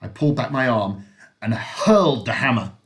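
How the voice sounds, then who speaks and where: Male teacher, mid-pitched voice, expressive read-aloud of a novel for students. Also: normal speed. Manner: expressive, lively reading with occasional slips.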